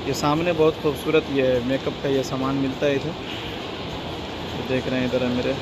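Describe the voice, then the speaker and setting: A young male vlogger films a casual walking vlog on a phone at arm's length, pointing things out to viewers and repeating "ye dekhiye" as he goes from a large indoor mall to the street and onto a metro. His mid-range voice is flat and moves at normal speed. Mall and traffic noise is loud in the background.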